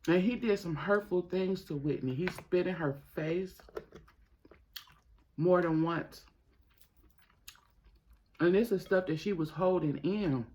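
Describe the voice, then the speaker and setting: A man hosting a mukbang, talking casually to viewers with his mouth sometimes full, gossipy and emphatic, pausing and repeating phrases. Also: high-pitched, a little mellow, slight background noise. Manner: talks while eating, mouth sometimes full. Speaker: mukbang host. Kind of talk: casual chatty commentary to viewers while eating.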